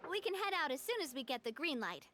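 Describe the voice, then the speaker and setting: A high, sing-song female voice talks fast in a very noisy recording of a game cutscene with faint music. The actress portrays a confident young heiress heading her late father's family organization, speaking frankly and easily.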